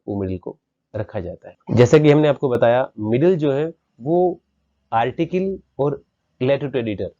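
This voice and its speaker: Male lecturer, mellow voice, patient explainer, muffled lo-fi sound. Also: medium pitch. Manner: explanatory, measured. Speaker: teacher. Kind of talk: online lecture. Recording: dull lo-fi recording.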